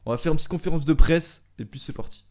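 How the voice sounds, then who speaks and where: Playing a soccer video game, a young man narrates his own match in excited let's-play style, his slightly high voice moving fast. He drifts between calm musing and loud shouting whenever the action heats up.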